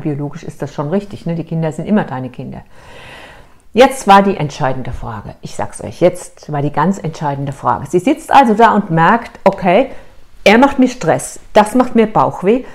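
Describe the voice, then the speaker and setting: A middle-aged woman therapist telling a client's case to a video audience, asking questions and answering them herself, sometimes dropping to a hush. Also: fairly low pitch. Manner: lively, rhetorical questions, answers herself, dramatic drops to a hush. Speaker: therapist in private practice.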